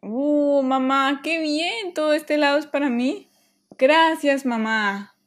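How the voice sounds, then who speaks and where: A woman voicing a sleepy, whiny little girl in a children's toy play story, in a high, squeaky childlike voice. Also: slow. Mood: delighted.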